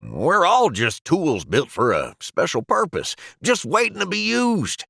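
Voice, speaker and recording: A gravelly, bright-voiced mentor pen from a cartoon. He swoops widely in pitch as he coaxes and teases, calling everyone lad. The sound is close and dry. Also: wildly swooping pitch, measured pace, no room sound, heavily acted. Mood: coaxing. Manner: jokey, calls others lad and laddie. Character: older male pen, calm, teasing office mentor. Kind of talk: animated cartoon voice acting.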